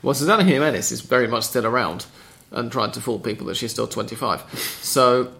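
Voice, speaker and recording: A man's voice: mid-range voice, brisk, gravelly, fairly bright tone. A man hosting a casual podcast chat, reading out listener questions in a chatty, dry way. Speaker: podcast host.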